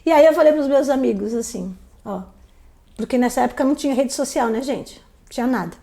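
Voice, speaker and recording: A woman telling a personal story as a live stream host, in a lively storytelling way that acts out the voices of the people in it. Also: high voice, fast talker, vocal fry. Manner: animated, acts out quoted voices.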